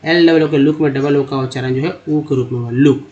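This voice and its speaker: A man with a slightly higher voice teaches English reading over lesson slides. He works step by step, pausing to repeat each example word slowly. He speaks to his viewers as friends. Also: fairly even intonation, darkish tone, muffled recording. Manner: explains step by step, often addressing viewers as friends.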